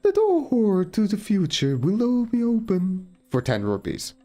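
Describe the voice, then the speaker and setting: A woman voicing a mystical video game fortune teller in a slow, dramatic, drawn-out manner. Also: mid-range voice, huge pitch swings, mellow, soft background music, voice pushed up. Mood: mystical, theatrical.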